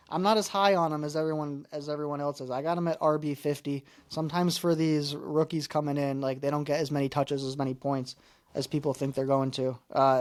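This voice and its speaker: A man co-hosting a podcast, chatting casually about fantasy football and running through stats with fillers and pauses. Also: on the high side. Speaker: podcast co-host.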